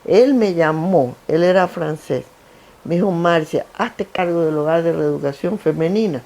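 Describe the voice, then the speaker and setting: A foundation's founder, an older woman from Guayaquil, sits for a conversational interview on a theater stage and tells stories about her work. Her voice is on the low side and her speed normal; her coastal Ecuadorian Spanish comes across as animated and anecdotal, with repetition in her lists.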